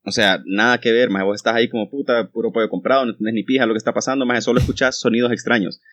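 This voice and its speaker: Young guy w rattling off stories fast, crude slang, dry close sound. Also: medium pitch, no echo. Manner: animated storytelling with crude slang. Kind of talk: casual chat.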